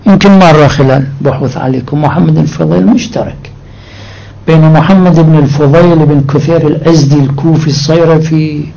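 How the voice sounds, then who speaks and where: A man's voice: on the high side, fairly even intonation, brisk, gravelly, warm tone, muffled recording. A man teaching a seminary lecture on jurisprudence, who explains point by point and reads his sources aloud. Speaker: religious scholar teaching jurisprudence.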